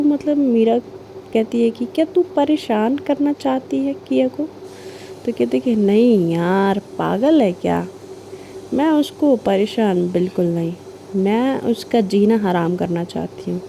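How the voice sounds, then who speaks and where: A woman's voice: medium pitch, mellow, slight background noise. A woman retelling a serial love story in a chatty way, acting out the characters' lines as she goes. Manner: chatty, retells scenes with quoted dialogue, sings snatches of film songs. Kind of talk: casual spoken storytelling.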